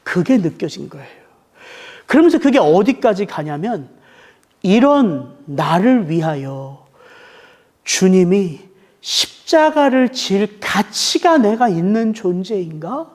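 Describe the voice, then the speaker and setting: A middle-aged man preaching a sermon as pastor, emotional and earnest, slowing down on key words. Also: sits high, very animated, darkish tone.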